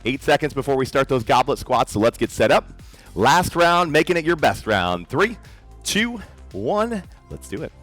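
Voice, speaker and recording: A man's voice: medium pitch, expressive, brisk, fairly bright tone. A man leading a workout class as fitness coach, giving encouraging instructions and counting down each exercise. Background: faint background music.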